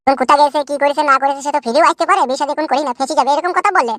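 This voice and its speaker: This cartoon dub features a performer playing an aggrieved, self-pitying young husband who pours out long, wailing complaints full of florid images. The voice sits high with a fairly bright tone and races along, recorded in studio quality with no room sound.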